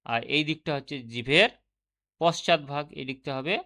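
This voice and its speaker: A man's voice: a little high, normal speed, bright, forceful tone. A man teaching Bengali grammar for a teacher exam, explaining step by step and asking and answering his own questions. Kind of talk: online exam-prep lesson.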